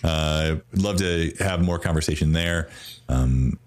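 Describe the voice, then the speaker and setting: A man's voice: rumbling low, measured pace. A man co-hosting a casual podcast chat, easygoing and self-deprecating as he talks to his audience. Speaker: co-host.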